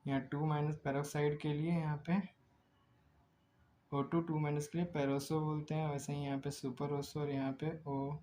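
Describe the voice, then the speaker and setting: A man teaching a chemistry lesson. He explains step by step, asks himself rhetorical questions, draws chemical names out slowly and often corrects himself mid-word. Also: a little high, flat delivery, warm tone, a little hiss or hum, low-quality recording. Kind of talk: recorded lecture.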